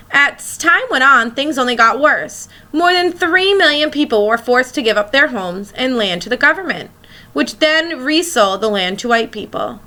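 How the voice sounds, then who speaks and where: Reading a children's picture book aloud, a woman schoolteacher speaks expressively, as if directly to young listeners. Her voice sits high, bright and forceful.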